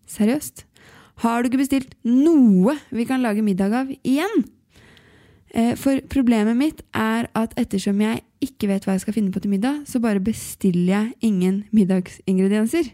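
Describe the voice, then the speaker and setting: A woman with a soft-edged, mellow and relaxed voice at an average pitch. She speaks as a podcast host, informal and chatty, with a conversational delivery. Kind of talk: casual conversational interviewing and informal ad reading.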